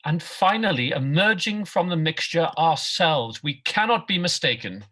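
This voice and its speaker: A woman playing an anxious, burdened husband in a play reading, speaking in a deliberate, declamatory way. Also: deep voice, lively intonation, fairly bright tone. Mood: solemn. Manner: deliberate, declamatory, repeating phrases. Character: anxious, burdened husband, a self-styled solid man.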